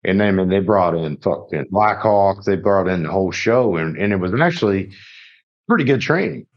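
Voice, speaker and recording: A man's voice: deep voice, animated, moderate pace. A middle-aged man hosting a podcast, rambling through army anecdotes and swearing constantly. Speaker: podcast host. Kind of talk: casual profane storytelling. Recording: dull lo-fi audio.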